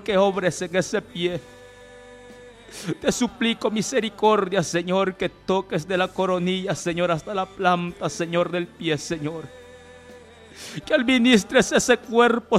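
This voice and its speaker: A man with a high, slightly slow voice leads a fervent Pentecostal healing prayer as a preacher, pleading and exclaiming with repeated cries of praise. Music plays behind him throughout the recording.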